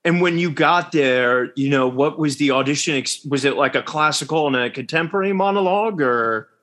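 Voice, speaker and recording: A man's voice: fairly high pitch, fairly quick, a bit bright. A man interviewing casually, agreeable and encouraging, with frequent affirmations and conversational questions.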